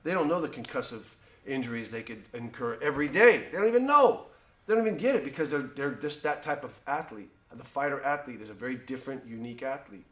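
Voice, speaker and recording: A man's voice: medium pitch, quick pace, few pauses, roomy sound. A man, a boxing cutman and trainer, telling stories in an interview and acting out quoted exchanges. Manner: animated, acts out quoted exchanges. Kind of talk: conversational interview storytelling.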